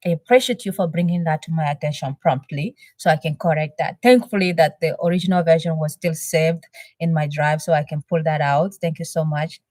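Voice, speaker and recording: Speaking a little fast, a low-voiced reaction channel host from Benin, a first-language French speaker, chats with viewers during a live stream. She reads the chat aloud, thanks people warmly, and fills her talk with fillers. No room sound is audible.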